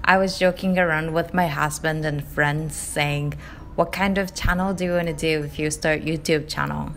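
Soft-spoken Japanese woman narrating a vlog. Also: low voice, fairly even intonation, moderate pace, faint music behind. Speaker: knitting vlogger. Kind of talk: voice-over narration.

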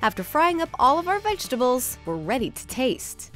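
A woman narrates recipe steps in a smooth scripted voice-over. Her voice is a touch high, with a lively rise and fall. Faint music sits underneath. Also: normal speed.

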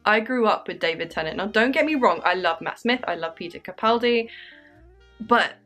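A woman's voice: medium pitch, animated, normal speed, fairly bright tone, faint music behind. Chatty English woman in her twenties. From England. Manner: chatty, upbeat and apologetic. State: dry throat. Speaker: YouTuber answering viewer questions. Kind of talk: casual Q&A vlog. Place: bedroom with candles.

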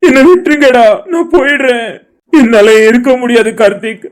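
A voice artist voicing a grieving young man in an animated cartoon drama, pleading, tearful and broken. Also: medium pitch, normal speed, close to an everyday voice. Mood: despairing.

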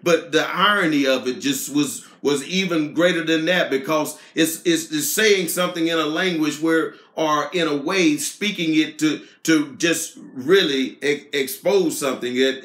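Earnest guy teaching sunday school, bit high voice, echoey room. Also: a bit bright. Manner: earnest, explanatory. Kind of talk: Bible lesson.

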